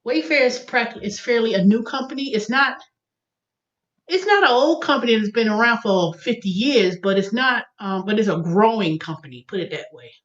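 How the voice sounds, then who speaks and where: With a highish voice full of lively intonation at a normal speed, slightly bright but with the highs cut off, an American livestream host in her early fifties chats in a loose, rambling way. She thinks aloud, often repeating and correcting herself.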